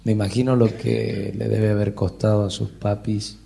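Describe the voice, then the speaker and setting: Gravelly straight-man interviewer. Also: lowish voice, flat delivery, normal speed, warm tone. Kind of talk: comic interview feed lines.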